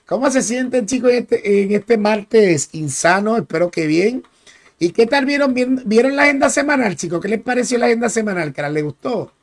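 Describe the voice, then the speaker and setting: A man's voice: high-pitched, lively intonation, fairly quick. A young man with a Dominican Spanish accent streaming a game, casually chatting with viewers in slang and greeting them by name. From Dominican Republic. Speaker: gaming streamer. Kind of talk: live gameplay commentary chatting with viewers.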